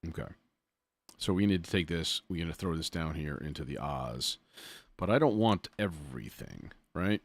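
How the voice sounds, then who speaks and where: In a rumbling low, expressive voice at a moderate pace, a man hosts a casual live music production demo. He mutters as he thinks aloud and uses folksy phrasing.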